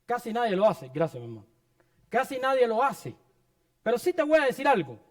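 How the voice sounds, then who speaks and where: High-voiced man preaching a sermon. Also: sing-song, fairly quick. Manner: earnest, personal, addresses listeners as brothers. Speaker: pastor. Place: church.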